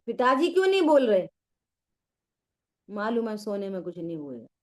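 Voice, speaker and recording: Very animated at a moderate pace, this medium-pitched middle-aged woman teaches from scripture, weaving in a story, rhetorical questions for her listeners, and acted-out quoted voices.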